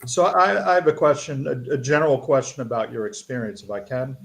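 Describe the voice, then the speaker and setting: A man from the United States in casual panel chat, asking questions in a relaxed, curious way. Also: medium pitch, a little fast, creaky.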